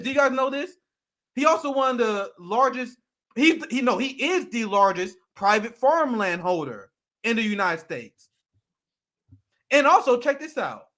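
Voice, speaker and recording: A man's voice: very high voice, bright, forceful tone. A young adult man co-hosting a political commentary show, ranting in a heated, profane way. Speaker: co-host.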